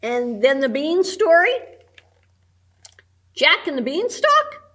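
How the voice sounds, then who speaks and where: A woman's voice: high-pitched, sing-song, slow, fairly bright tone, pitched above the performer's own voice, heavily acted. A woman voicing an eager, polite male cook in a storybook read-aloud, earnest and apologetic.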